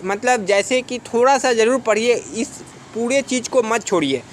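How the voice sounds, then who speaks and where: A man's voice: very high voice, moderate pace, slight background noise. A man who coaches students for defence exams, talking casually and earnestly to them in a vlog, urging them on and asking rhetorical questions. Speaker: defence exam coaching teacher.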